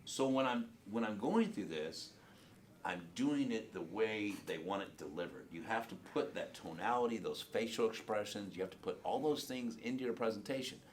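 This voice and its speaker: A man's voice: fairly low pitch, expressive, normal speed, slight background noise. A man giving a blunt, profane sales training talk to a group in a training room.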